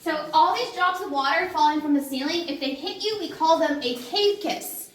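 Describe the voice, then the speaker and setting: A woman's voice: high voice, moderate pace, recorded from a distance, a little hiss or hum. A woman guiding a cave tour, with joking, showy guide patter, and her voice echoing around the cave. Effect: cave echo. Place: inside a large cave. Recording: echoey cave, heard from afar.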